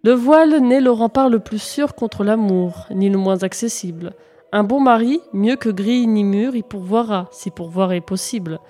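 A woman reading a classic verse tale aloud in a measured recitation. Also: mid-range voice, mellow. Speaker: reader.

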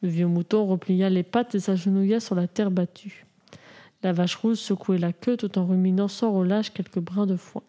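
A woman reading a Christmas storybook aloud in a measured, gentle way. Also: mid-range voice, steady tone.

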